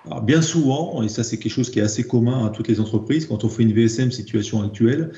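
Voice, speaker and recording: A man with a French accent, a trainer in process improvement, walks through his slides hesitantly, often repeating words. He talks fast in a mid-range, dark-toned voice, and the room recording is dull and echoey.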